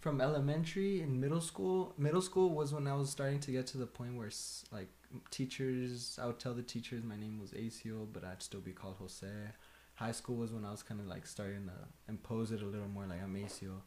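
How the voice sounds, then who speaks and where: A man's voice: mid-range voice, steady tone, fairly quick, mellow, slight background noise. A man in his twenties chatting casually on a podcast, telling stories in a rambling way and laughing as he talks. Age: 20s. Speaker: podcast co-host.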